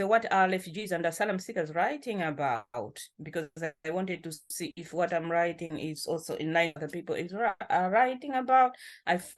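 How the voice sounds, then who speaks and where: Malawian-born woman telling her story. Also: fairly low pitch. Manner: warm, laughs often, repeats words while thinking. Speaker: poet and activist guest. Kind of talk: casual interview talk.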